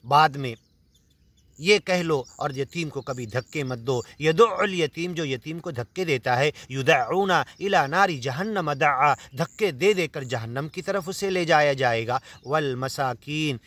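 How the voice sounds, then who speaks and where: A man's voice: a little high, a bit bright, no room sound. A man from India with an Indian Urdu accent, earnestly explaining Quran verses in a sermon, reciting Arabic lines and then paraphrasing them. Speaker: Quran teacher.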